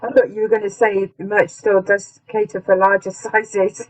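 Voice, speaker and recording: A woman's voice: medium pitch, level tone, normal speed. A woman co-hosting a casual podcast, giggly, candid and chatty. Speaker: podcast co-host. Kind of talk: casual chat. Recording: dull lo-fi sound.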